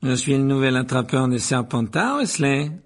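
A man's voice: medium pitch, expressive, moderate pace, pitched above the performer's own voice, lightly acted. Malfoy, a man doing a sneering haughty schoolboy. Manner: drawling, mocking. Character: haughty sneering teenage boy wizard.

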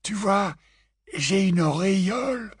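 Man voicing a hurt young wizard in a storybook, faint drowsy murmur, pitched high, dry close sound. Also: lively intonation, slow, husky, no room sound, heavily acted. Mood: weak jest. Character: wounded young wizard, weak but joking. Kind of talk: audiobook character reading.

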